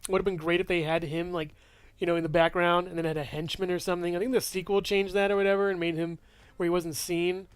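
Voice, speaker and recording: A man's voice: sits high, flat delivery, fast talker, clear, resonant tone, no room sound. A young man casually reviewing movies, rambling and offhand, laughing to himself. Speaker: movie reviewer, channel host.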